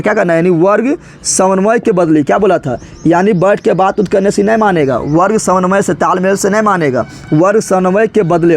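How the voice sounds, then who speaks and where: A male teacher gives a colloquial, joking history lesson, asking rhetorical questions and repeating key terms. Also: high-pitched. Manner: colloquial and joking, slips into regional dialect. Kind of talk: animated classroom lecture.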